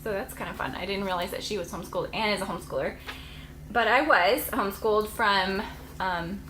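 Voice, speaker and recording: A woman's voice: medium pitch, a little fast, bright, forceful tone, roomy sound, a little hiss or hum, low-quality recording. A woman in her late twenties, a homeschooling mom vlogger, chatting casually and rambling to camera with frequent laughs. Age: late 20s.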